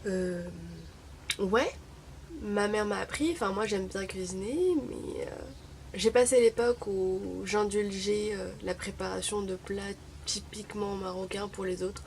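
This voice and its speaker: Speaking at a measured pace in a steady, medium-pitched tone, this young vlogger from Morocco, Arabic her first language, talks casually and wryly to camera. She hesitates a lot, and there's slight background noise.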